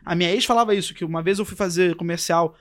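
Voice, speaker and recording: Man, young adult, quick and high voice, lively anecdote telling, acts out quotes. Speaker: podcast guest. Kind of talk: casual storytelling chat.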